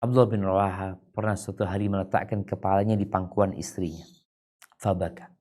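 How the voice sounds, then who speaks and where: Man, sermon lecture, Arabic recitation, casual explanations, chatty asides, wide swings in pitch and loudness. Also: fairly even intonation, a little fast. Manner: recites Arabic quotations then explains them in casual speech; swings widely between high and low, loud and soft. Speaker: Islamic preacher. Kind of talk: religious lecture.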